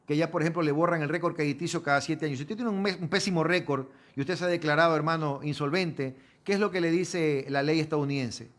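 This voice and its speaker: A man's voice: fairly high pitch, fairly bright tone. A man giving a sermon. He reads scripture aloud, explains it, keeps calling listeners "brother" and asks rhetorical questions. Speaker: preacher teaching a Torah portion.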